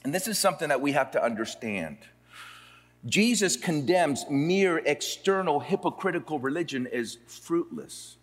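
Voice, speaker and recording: A Puerto Rican pastor preaches a sermon with scripture reading in a seminary chapel, his expressive pitch rising and falling widely. He alternates slow, weighty phrases with quicker runs, and a long hall reverb trails his words.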